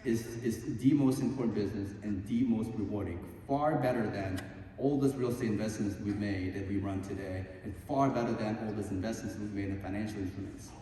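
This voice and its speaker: A man answering at a candidate forum, earnest and halting with many ums and restarts. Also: lowish voice, warm tone. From Korea. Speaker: school board candidate. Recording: echoey hall, distant mic, faint hum.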